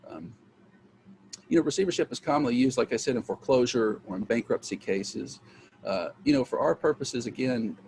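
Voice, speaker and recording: A man's voice: lowish voice, darkish tone, poor audio. A man speaking as a legal aid attorney on a conference panel, in a conversational way with lots of "you know" and "uh" fillers. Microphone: home computer mic on a video call. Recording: video call audio with faint background noise.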